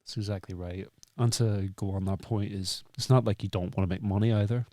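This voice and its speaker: A man with a lowish, warm voice hosts a podcast interview at a brisk pace and in a steady tone, recorded dry at studio quality. The conversation is reflective, and he rephrases and repeats his points for emphasis.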